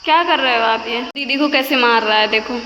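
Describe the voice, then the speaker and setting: A woman's voice: a little high, fairly quick, sharp tone, in a large hall, faint music behind, low-quality recording. A woman casually narrating a home vlog of her toddler, chatting to viewers and cooing at the baby. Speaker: vlogger filming her toddler. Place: home, indoors.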